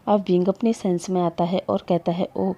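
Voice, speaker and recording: A woman hosting a storytelling channel, retelling a fan story in a steady, conversational narration. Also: lowish voice, normal speed, muffled recording.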